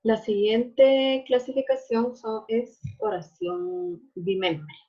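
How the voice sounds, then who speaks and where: On a dull, lo-fi recording, a woman teacher delivers a class lecture in a slightly high voice at a slow pace. She explains things patiently, leaning on frequent fillers and tag questions.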